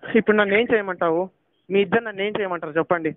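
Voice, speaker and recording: Rapid pleading man on a tinny phone line. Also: high voice, dry recording. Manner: pleading, accusing, rapid and insistent. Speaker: jilted boyfriend on a phone call. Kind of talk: heated phone argument. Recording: tinny phone call recording.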